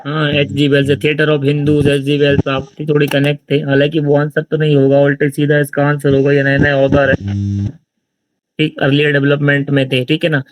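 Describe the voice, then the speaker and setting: A man's voice: a little high, completely flat delivery, normal speed, no echo. A man giving an informal exam-prep literature lecture, explaining answers and checking in with his listeners. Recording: distant mic with loud background noise.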